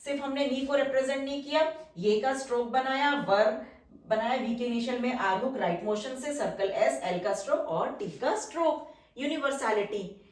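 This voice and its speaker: Female shorthand tutor, slightly high voice, patient, stretches out key words, roomy sound from off-mic. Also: recorded from a distance. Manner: slow, drawn-out model words between quick explanations. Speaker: shorthand teacher. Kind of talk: step-by-step lesson. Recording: echoey room, voice from off-mic.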